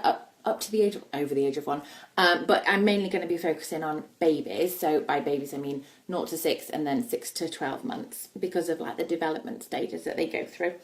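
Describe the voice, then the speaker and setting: Her voice sits fairly low and has a darkish tone. The speaker is a Yorkshire woman with a northern English accent, casually chatting and explaining as she runs a live baby play demonstration inside a family house.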